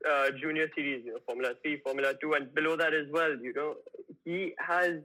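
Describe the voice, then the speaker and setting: Mumbai racing guy, bright voice, jokey, video call. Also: a little high, steady tone, a little fast, rough recording. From Mumbai, India. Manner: jokey, playful. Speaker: racing driver, podcast guest.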